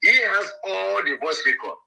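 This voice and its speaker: A man's voice: high-pitched, expressive, normal speed, gravelly, sharp tone, slightly rough, poor audio. A man calling in to a talk show, heard through a phone on speaker, hesitant and full of fillers, often repeating himself. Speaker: caller. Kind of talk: call-in chat.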